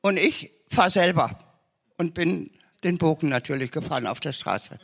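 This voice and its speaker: Male preacher, high voice with animated pitch, urgent emphatic exhortation. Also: moderate pace, gravelly, husky. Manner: urgent, emphatic exhortation with repeated short commands. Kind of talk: sermon testimony.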